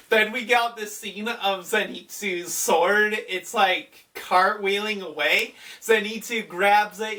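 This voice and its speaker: A man's voice: high voice, sharp tone. A man giving an enthusiastic, rambling casual recap of an anime episode on his channel. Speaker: anime YouTuber. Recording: voice distant from the mic.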